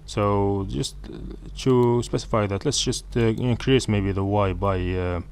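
A man whose first language is Arabic speaks in a lowish, slightly mellow voice that is clear and resonant. He walks through code in a screen-recorded programming tutorial, halting as he goes, with many fillers, restarts and self-corrections.

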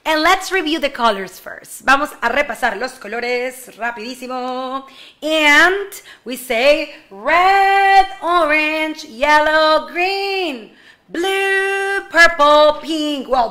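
A young woman teaches English to kindergartners over webcam from a room at home, with a slide screen behind her. Her high, bright voice is animated, and she stretches words out slowly. She models drawn-out phrases, adds playful asides, and mixes English with Spanish for the young children.

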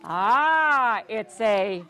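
Amid crowd noise, an American woman in her sixties reads a picture book to young children very slowly, in a sing-song, teacherly way with lively intonation and a voice on the high side. She often prompts the children with questions during this interactive story time in an indoor, carpeted library program room.

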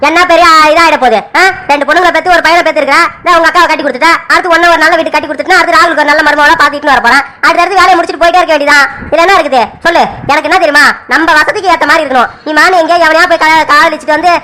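A woman plays a stern middle-aged village father in a cartoon family serial, prodding his daughter with question after question and lecturing her about family honor. The voice sits high and bright and rushes along very quickly. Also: steady tone. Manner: coaxing, pressing questions, lecturing.

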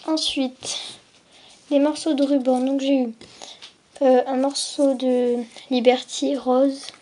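A woman's voice: high voice, flat delivery, takes it slowly, warm tone, a little hiss or hum. A young woman casually showing off a box of craft supplies item by item, hesitant and often trailing into a near whisper. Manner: lists items one by one, often drops to a near whisper; hesitant, with frequent fillers and self-corrections. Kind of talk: casual unboxing vlog.

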